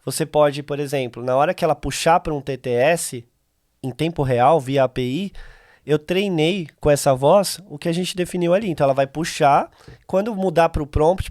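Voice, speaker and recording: Here a voice company CEO from Brazil talks as a podcast guest, walking through topics in a relaxed, example-driven way during a conversational interview. He speaks with a Brazilian Portuguese accent in a medium-pitched, slightly mellow voice. The sound is clean studio audio without echo.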